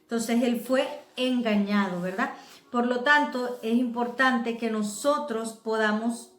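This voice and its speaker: A woman's voice: a little high, a little slow, echoey room. A woman with a Venezuelan accent preaching a sermon, explaining the scripture and checking in with her listeners. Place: church.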